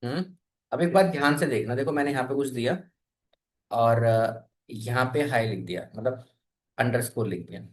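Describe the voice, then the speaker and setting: Guy teaching coding, keeps quizzing the class, middle pitch. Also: moderate pace. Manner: asks the class questions and waits for answers. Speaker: programming teacher.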